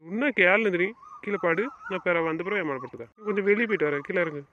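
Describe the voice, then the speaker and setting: A man playing a brisk, bossy young husband. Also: sits high, narrow, tinny audio, a little hiss or hum. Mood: commanding. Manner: brisk, bossy, gives orders. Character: stern protective young husband and brother. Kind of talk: family web-series drama acting.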